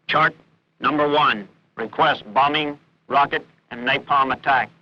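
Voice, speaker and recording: A man's voice: medium pitch, steady tone, measured pace. A young man as a methodical Marine radio operator, giving clipped military calls over a field radio. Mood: businesslike. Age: young adult. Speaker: marine forward air controller on radio. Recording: dull vintage film, noisy radio and vehicle.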